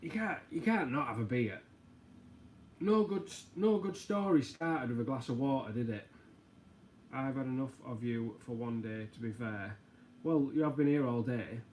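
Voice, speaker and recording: A man's voice: medium pitch, normal speed, a little mellow, a little hiss or hum. A man hosting a casual livestream, rambling, joking and reading out viewer comments. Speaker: livestream host. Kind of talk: casual live chat.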